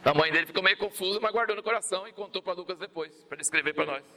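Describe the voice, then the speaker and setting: High, bright-voiced Brazilian preacher. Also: male voice, very fast. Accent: Brazilian Portuguese. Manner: repeats key phrases, asks the congregation questions. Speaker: pastor. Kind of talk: sermon.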